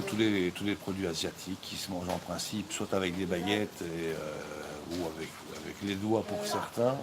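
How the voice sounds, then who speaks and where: Jokey low-voiced man streaming live. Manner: jokey, rambling, with many fillers and restarts. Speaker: live-stream cooking host. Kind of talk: casual live-stream chat, greeting viewers from the chat. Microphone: phone streaming over 4G. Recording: noisy background ambience.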